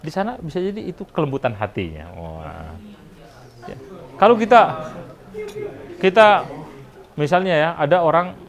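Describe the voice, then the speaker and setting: A man's voice: on the high side, very animated, normal speed, vocal fry, long pauses. A middle-aged man giving a chatty university lecture, slipping in English phrases and laughing at his own jokes. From Indonesia. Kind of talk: classroom lecture.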